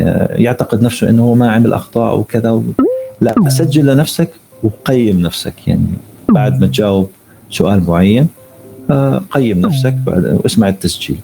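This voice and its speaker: During an online English lesson, a man reads each tip slowly in English and then explains it in Arabic. His voice is medium-pitched and warm, though the recording is rough.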